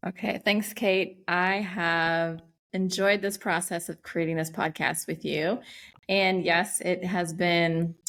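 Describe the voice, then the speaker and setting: A middle-aged American woman co-hosts a casual podcast chat, speaking reflectively and haltingly with many restarts. Her voice is lowish, gravelly and a bit bright, with fairly even intonation.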